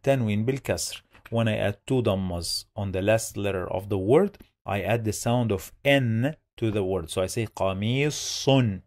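A man's voice: lowish voice, takes it slowly, hardly any pauses, a little mellow. A man teaching Arabic reading letter by letter, explaining in English and drilling each syllable with many repetitions. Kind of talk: slow letter-by-letter language lesson.

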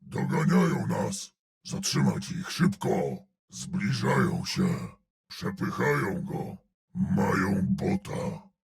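An actor voicing a huge, gruff male brute in a video game, growling out terse battle callouts and dry sardonic remarks in a gravelly voice. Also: lowish voice, huge pitch swings, takes it slowly, heavily acted.

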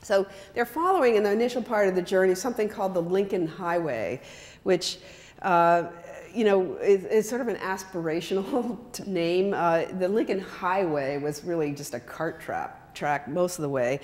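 A woman in her sixties gives a relaxed, chatty slide talk, holding a microphone and gesturing as she speaks. Her voice sits a little low, with fillers and restarts throughout. The sound carries a long hall reverb. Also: moderate pace. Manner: conversational, animated with hand gestures, many fillers. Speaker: author giving a talk. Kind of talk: illustrated public talk. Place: large hall with wooden floor. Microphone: handheld microphone.

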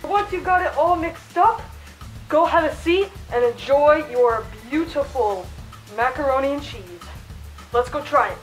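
A woman's voice: high voice, unhurried, roomy sound, faint music behind, poor audio. A woman hosting a playful cooking tutorial in a home kitchen, chatty and mock-instructional, talking from inside a costume head. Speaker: channel host cooking in fursuit.

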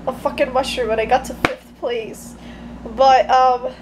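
A young woman with a high-pitched voice talks casually to her camera in a bedroom. She is excitable and informal, gushing as she goes, with faint music behind her. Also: unhurried, rough recording. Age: young adult. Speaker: vlogger. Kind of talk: casual chatty vlog. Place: small bedroom indoors. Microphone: handheld camera at arm's length.

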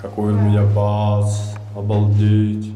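A man touring a ruined stone tower in a casual vlog, exclaiming loudly at the booming, cathedral-like echo his voice makes off the stone walls. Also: monotone, slow pace, faint music behind. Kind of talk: casual walking commentary. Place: inside a large resonant stone tower room. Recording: echoey stone room with noise.

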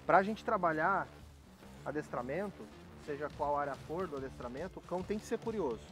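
A man, a dog trainer, calmly explaining step by step how he picks a puppy. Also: on the high side, brisk, over music. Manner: calm, methodical explanation.

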